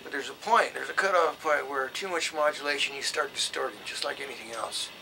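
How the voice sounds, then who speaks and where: Casting: male hobbyist presenter, very sharp bright voice, informal explainer, faint noise behind. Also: mid-range voice, brisk, gravelly, poor audio. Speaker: presenter explaining CB radio gear.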